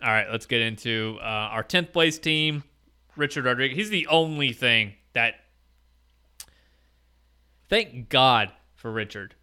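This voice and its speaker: A man's voice: mid-range voice, lively intonation, unhurried, pauses often, bright, forceful tone, clean tone. A man hosting a casual sports chat about a fantasy league, talking informally. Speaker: host and league commissioner.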